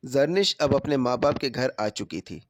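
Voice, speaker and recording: A man narrating a serialized novel in an even, measured reading voice. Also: medium pitch, dry recording. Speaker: story narrator.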